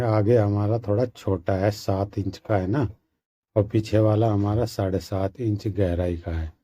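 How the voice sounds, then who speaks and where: A man with a slightly sore throat gives a slow, repetitive step-by-step sewing tutorial as a tailoring instructor. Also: fairly low pitch, mellow, lo-fi sound. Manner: slow, repetitive instructions addressing viewers as friends.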